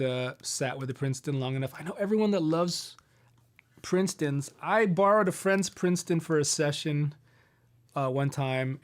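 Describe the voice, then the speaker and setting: Here a middle-aged man streams a guitar Q&A from his home studio, his voice a bit high, clear and resonant. In an easygoing, meandering way, he fields viewer questions, padding his answers with fillers and wandering off on tangents.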